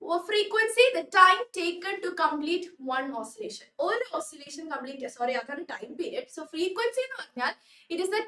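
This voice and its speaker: High-voiced Malayali woman teaching in an echoey room. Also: pushed and bright, recorded from a distance. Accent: Malayali English. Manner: coaxing, checks understanding often. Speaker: online tuition teacher. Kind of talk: live online class, mixing Malayalam and English.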